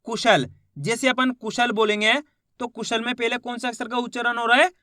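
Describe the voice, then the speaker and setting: Male reading teacher, high-pitched, dry close sound, patient syllable-by-syllable delivery. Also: fairly even intonation, sharp tone, dry recording. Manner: sounds out syllables slowly, asks pupils questions. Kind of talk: step-by-step spoken lesson.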